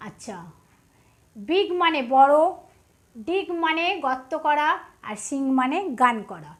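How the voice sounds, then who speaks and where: Brief: high-pitched woman tutor, patient, sounds out each letter. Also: lively intonation, takes it slowly, a bit bright. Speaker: English spelling teacher.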